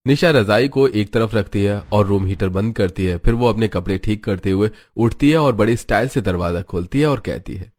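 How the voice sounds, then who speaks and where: Male narrator, slightly low, steady scripted storytelling. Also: normal speed, hardly any pauses, no echo, clean studio sound.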